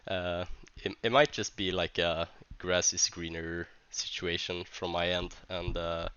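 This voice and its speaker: A Swedish-accented man with a low-pitched voice that is still bright and smooth. He sounds stuffy from a cold and works through a scripted vlog ramble in halting English with many restarts. The audio is somewhat dull and lo-fi. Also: little pitch movement. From Sweden. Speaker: tournament organizer.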